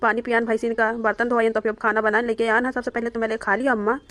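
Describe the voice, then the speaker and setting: A woman's voice: fairly high pitch, level tone, quick pace, a bit bright, dry recording, close to an everyday voice. A woman voicing a harried grown son in a cartoon, speaking with an Awadhi accent and a complaining, exasperated manner. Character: grown son, harried young man, grumbling. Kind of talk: cartoon voice acting.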